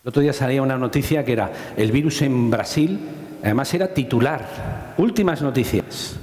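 A man with a Spanish accent giving a lively public science talk, joking and asking his audience questions. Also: mid-range voice, a little fast. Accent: Spanish from Spain. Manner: jokey, asks the audience questions, swears casually. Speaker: microbiology lecturer. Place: large lecture hall. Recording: roomy hall with long reverb.

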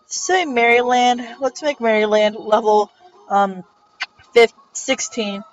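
A woman's voice: fairly high pitch, slow. Rambling young woman doing gameplay commentary. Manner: rambling, self-correcting, jokey. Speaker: let's play host. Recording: dull lo-fi recording with faint music.

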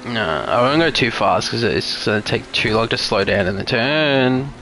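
Animated swearing young male game streamer. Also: mid-range voice, normal speed, slight background noise. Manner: swears a lot, frustrated road rage; casual, chatty with viewers. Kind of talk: live gameplay commentary.

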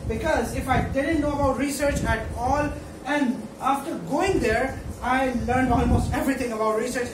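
A man in his twenties with a Pakistani accent explains things informally and emphatically to camera, repeating his points. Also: very high voice. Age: 20s. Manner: emphatic, repeats points, often checks with "okay". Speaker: medical student presenting an educational video. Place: indoor room in front of a whiteboard. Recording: echoey room, distant mic, clear background noise.

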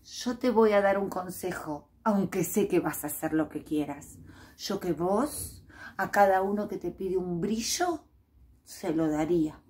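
A woman with a Rioplatense Spanish accent voicing a wise old octopus who gives calm, knowing advice in a storybook tale. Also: on the low side, a little slow, natural voice.

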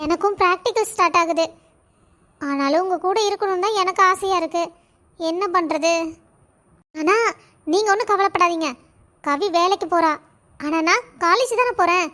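Cast: woman as a sweet young student granddaughter, very high and bright-toned, reassuring, cartoon story. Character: cheerful young college-going granddaughter. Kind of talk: animated story voice acting.

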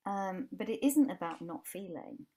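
A woman in her forties from England, with a Yorkshire accent, appears as a life coach guest in a casual podcast chat, talking earnestly over a video call from a home room with a brick wall and often restarting her sentences. Her mid-range voice is animated, mellow and at normal speed.

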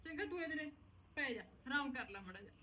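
Village drama: woman playing a motherly sister-in-law, high voice, soothing and reassuring. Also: animated, fast talker, sharp tone, rough recording. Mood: comforting.

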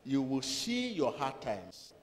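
Slow, emphatic preaching man in a big hall. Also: mid-range voice, huge pitch swings. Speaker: pastor. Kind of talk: sermon. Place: large church hall with a seated congregation. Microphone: handheld microphone. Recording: long hall reverb, faint room noise.

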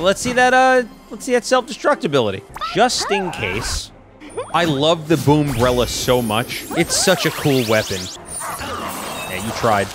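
A man casually commenting while playing a video game, joking and quickly voicing the characters in silly lines. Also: mid-range voice. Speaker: gaming YouTuber. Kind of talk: casual let's-play commentary.

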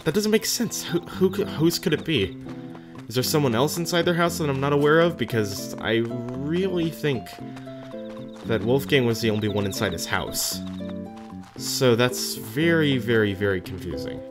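A video game host with very lively, swinging intonation gives casual commentary on play. The delivery is animated and self-directed, like thinking out loud, with music playing behind. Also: medium pitch, normal speed. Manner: animated, musing aloud to self. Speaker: host of a gaming series. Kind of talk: casual gameplay commentary, reading game dialogue aloud.

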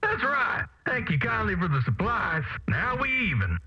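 An actor voicing a suspicious, rustic moisture farmer in a video game, blunt and folksy through a muffled mask filter. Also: male voice, high voice, huge pitch swings, moderate pace, slightly rough, heavily acted. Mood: wary, folksy. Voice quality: muffled, masked sound. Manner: folksy, blunt rural phrasing. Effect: mask or radio filter. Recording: muffled narrow-band filter, faint music behind.

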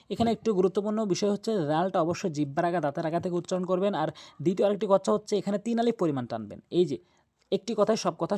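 A man's voice: on the high side, a little mellow. A man teaching Quran recitation, spelling each word out letter by letter and then repeating it. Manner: slow, drawn-out chanting when reciting verses.

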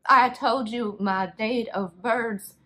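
A woman's voice: on the high side, steady tone, slow, a bit bright, rough recording. A woman voicing a sweet, rambling old lady in her late eighties, folksy and obtusely literal, in a prank call. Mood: rambling, obliviously literal. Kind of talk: prank phone call role-play. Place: small bedroom, indoors.

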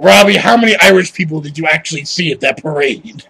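This is a nagging, foul-mouthed old grandma acted out by a man in a comedy phone call. The voice is raspy and full of fry, on the high side for a male. The questioning is suspicious and relentless. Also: quick pace, pushed and bright, heavily acted. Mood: probing, insistent. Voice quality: husky, gravelly.

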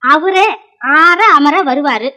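A woman's voice: high voice, takes it slowly, pushed and bright, full character voice. An actress playing a chatty, scolding woman of the household in a 1950s film, rambling through her story. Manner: scolding, rambling tale-telling.

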